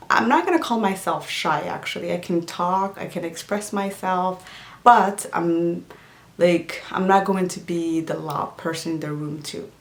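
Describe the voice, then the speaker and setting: Recorded with roomy echo, an easygoing woman from Djibouti with a voice on the low side hosts a casual Q&A vlog on health and nutrition. She isn't a native English speaker and talks in a chatty way, with many fillers and restarts.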